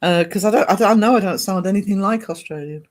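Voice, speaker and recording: A high-voiced man speaking at a quick pace hosts a livestream, chatting casually and ramblingly with his viewers. He has a British accent from northern England and reads and answers their comments.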